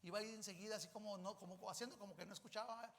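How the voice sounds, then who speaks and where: A man with a Mexican Spanish accent preaching a sermon as a pastor, telling the story in an animated way with humorous asides and acted-out dialogue. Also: high voice, rapid-fire, slight background noise. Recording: long church hall reverb.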